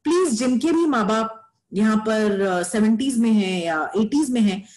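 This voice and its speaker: A woman's voice: a little high, lively intonation, measured pace, a little mellow, rough recording. A young adult woman giving an earnest motivational talk, sharing a personal story and mixing English phrases into her speech.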